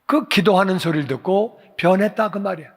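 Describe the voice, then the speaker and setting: A male pastor preaching a sermon in a church, animated and acting out dialogue with a raised voice. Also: sits high, brisk. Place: church sanctuary. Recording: reverberant church hall.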